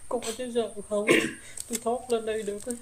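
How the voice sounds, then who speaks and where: A woman's voice: fairly high pitch, flat delivery, a little fast, background noise, natural voice. Woman as a regretful young female ghost, southern Vietnamese accent, rambling, faint crickets behind. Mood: rueful telling. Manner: rambling storytelling with filler particles. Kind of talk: spirit possession drama.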